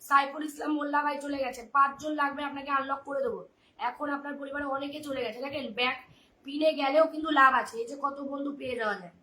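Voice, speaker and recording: A woman hosts a live stream, talking fast and repeating the same urgings again and again between lists of viewer names. Her voice is high and bright. The sound is roomy and echoey, with a faint hiss behind it. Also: fairly even intonation. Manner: rapid repetitive urging of viewers, reading out names. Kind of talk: live stream audience chat. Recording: echoey room with faint noise.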